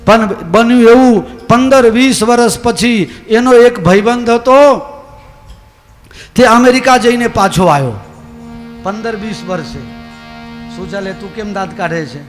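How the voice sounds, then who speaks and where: A man's voice: sits high, unhurried, pauses often. A man telling a folksy devotional story with a Gujarati accent, acting out the characters' lines as he goes. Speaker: religious storyteller. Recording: long hall reverb with music.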